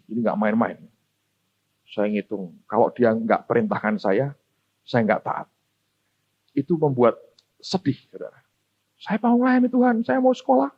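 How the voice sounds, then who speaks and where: A middle-aged pastor from Semarang, preaching a folksy, story-driven sermon that speaks straight to the congregation. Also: male voice, fairly high pitch. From Semarang, Central Java. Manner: animated, folksy, addresses the congregation directly. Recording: dull lo-fi recording.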